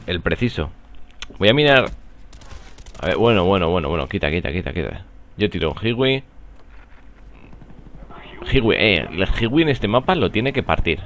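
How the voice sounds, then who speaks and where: A young man with a Spanish accent from Spain, rambling and joking through live gameplay commentary, with sudden excited outbursts. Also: lowish voice, slight background noise. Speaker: gaming commentator.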